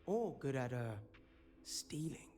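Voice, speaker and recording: Anxious coffee shop owner. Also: male voice, a little high, animated, takes it slowly, darkish tone. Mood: worried. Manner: worried, hesitant, earnest.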